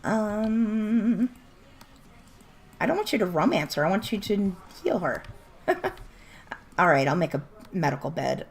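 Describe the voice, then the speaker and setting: A woman's voice: medium pitch, very animated, slow pace, long pauses. A woman chatting casually and bluntly while streaming a game, laughing often and starting to lose her voice. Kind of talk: casual livestream chat while gaming.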